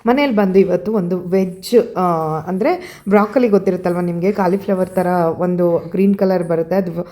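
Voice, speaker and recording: A woman's voice: on the low side, fairly quick, warm tone. A woman in her thirties with a Kannada accent, chatting casually in a family vlog and explaining a recipe. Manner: chatty, mixes English words into her talk. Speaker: vlogger.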